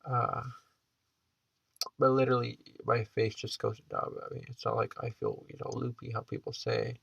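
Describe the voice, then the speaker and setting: A man's voice: mid-range voice, big pitch swings, moderate pace, vocal fry, a bit bright, husky, no room sound, muffled recording. A 21-year-old man chatting casually in a vlog, rambling and hesitant, with the stuffed-up nasal sound of a blocked nose. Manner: hesitant and rambling, heavy use of "like". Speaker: vlogger.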